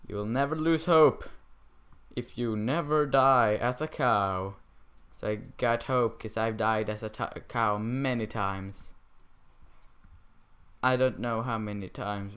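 A man's voice: medium pitch, slow pace, fairly bright tone, smooth. A man giving goofy, playful, rambling let's play commentary as he plays. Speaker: gamer.

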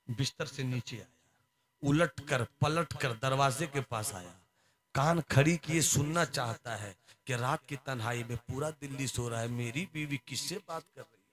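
A man's voice: mid-range voice, lively intonation, measured pace, fairly bright tone. A male preacher giving a sermon, telling a story with dramatic, rhythmic repetition and sung verse.

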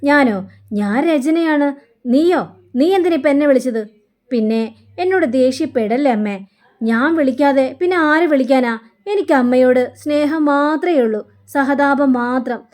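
Taunting scheming young woman from a TV serial, voiced by a woman, high voice, slow cutting delivery, spiteful. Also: darkish tone, close to an everyday voice. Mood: mocking.

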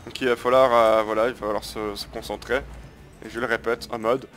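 A man's voice: on the low side, level tone, fairly quick, a bit bright. A man hosting his gaming video, talking viewers through a strategy match in a casual, crude, chatty way. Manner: chatty, crude slang, keeps addressing viewers as guys. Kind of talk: casual live gameplay commentary.

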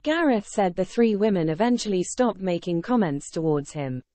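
A woman narrating a celebrity news story in an even, scripted read. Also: mid-range voice, moderate pace, no echo.

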